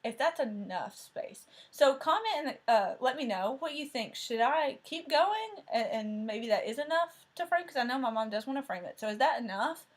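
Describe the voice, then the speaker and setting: She barely pauses, talking in a high, animated voice at a moderate pace while hosting a crafting vlog about cross-stitch projects. The woman is from Tennessee, with a thick Southern accent, and her chatty rambling is full of fillers and self-corrections.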